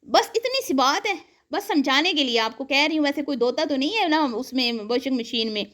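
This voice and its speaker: High-voiced woman, chiding. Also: lively intonation, a bit bright. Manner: chiding, sarcastic, addresses the viewer as sister. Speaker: online commentator reacting to other creators. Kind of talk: casual reaction commentary.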